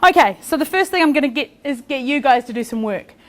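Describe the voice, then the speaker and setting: A woman from New Zealand with a New Zealand accent, giving a fast-talking, chatty and self-deprecating academic conference presentation in a lecture hall. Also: sits high, expressive, fairly bright tone. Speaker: conference speaker.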